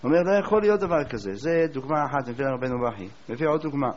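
A man preaching a sermon, telling a story as a lively storyteller who asks rhetorical questions. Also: medium pitch. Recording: dull lo-fi recording.

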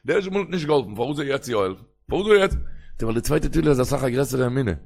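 Fast, gravelly-voiced man teaching. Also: medium pitch, lively intonation, darkish tone. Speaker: religious teacher. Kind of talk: traditional religious lecture.

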